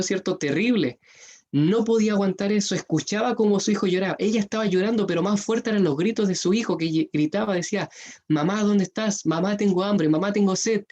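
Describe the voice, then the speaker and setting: A man with a Chilean accent preaching a sermon, earnest, rising in pitch and force when he appeals to parents. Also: darkish tone.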